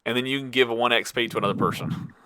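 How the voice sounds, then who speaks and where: A man running a tabletop role-playing game as game master, relaxed and often correcting himself as he narrates. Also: mid-range voice, rapid-fire, clean tone, no echo. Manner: relaxed, self-correcting, laughs easily.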